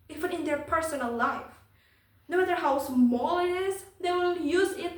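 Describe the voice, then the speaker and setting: High-voiced young Indonesian woman, stiff memorized speech. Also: fairly bright tone. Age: young adult. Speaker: speech competition contestant. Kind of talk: prepared competition speech. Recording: echoey room, distant microphone.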